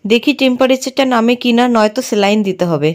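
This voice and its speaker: Brisk doctor giving matter-of-fact instructions, read out by a woman narrator. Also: fairly high pitch, lightly acted. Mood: professional.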